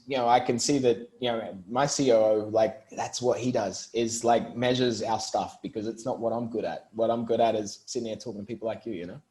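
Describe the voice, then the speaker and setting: This Brisbane-born marketing entrepreneur, a man with an Australian accent, talks as an interview guest and explains things informally and conversationally. His voice is fairly low, mellow and fairly even in intonation, delivered fairly quickly with hardly any pauses, on a rough recording.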